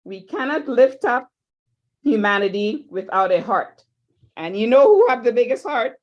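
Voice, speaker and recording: A woman from Trinidad and Tobago, hosting an online panel in a chatty, upbeat way with lively asides. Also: on the high side, normal speed, dull audio. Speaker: host.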